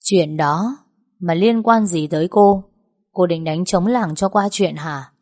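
Woman doing a grumpy young master, short and bossy, low mellow voice. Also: takes it slowly. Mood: gruff. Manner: curt, scolding. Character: gruff, stern young master of a rich house.

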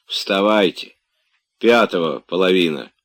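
A man's voice: sits low, measured pace, fairly bright tone, pitched above the performer's own voice. Man voicing Zakhar, a grumbling old manservant. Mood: coaxing. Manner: grumbling, coaxing, then exasperated. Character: grumbling elderly male manservant.

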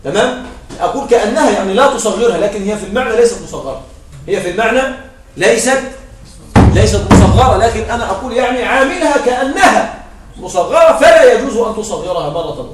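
A man's voice: sits high, lively intonation, fast, slight background noise. A man teaching grammar in a classroom lecture, repeating his points and checking understanding with short questions. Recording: echoey room, mic far off.

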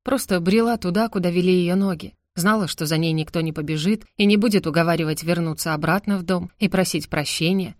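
A woman's voice: lowish voice, a little fast, hardly any pauses, a little mellow, no echo. Woman narrating a novel, dry sound. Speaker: audiobook narrator.

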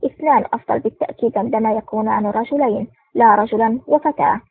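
A woman's voice: fairly high pitch, fast talker, slightly rough, no echo. A woman voicing a stern, terse male intelligence officer in an audiobook, with a curt, dry delivery. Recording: tinny phone-like sound.

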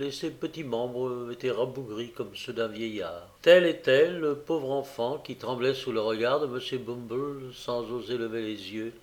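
A man narrating a classic novel as an audiobook reader, measured and expressive. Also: medium pitch. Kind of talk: scripted narration.

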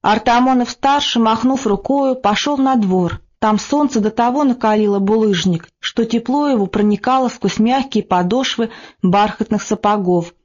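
A woman narrating an audiobook of classic prose in a steady, measured reading. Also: on the high side, lo-fi sound. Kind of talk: scripted narration.

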